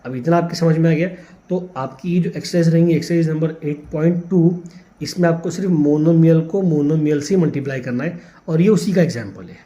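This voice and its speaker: A man's voice: fairly high pitch, brisk, mellow. An Indian man teaching a maths lesson step by step, with a patient manner that counts things out aloud. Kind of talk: classroom lesson explaining on a board. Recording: slightly dull lo-fi sound, faint background noise.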